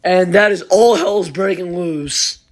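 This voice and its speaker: A man's voice: high voice, a little slow. A teenage man hosting a podcast with his father, talking eagerly and rambling with lots of fillers. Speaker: podcast host. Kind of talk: casual chat.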